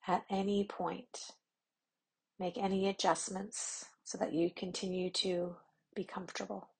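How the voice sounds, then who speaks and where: A woman guides a yoga nidra meditation, speaking very slowly and unhurriedly with long pauses. Her low, husky voice has a slight gravel, and some phrases fade into a whisper. Her tone stays flat and even, rising and falling very little.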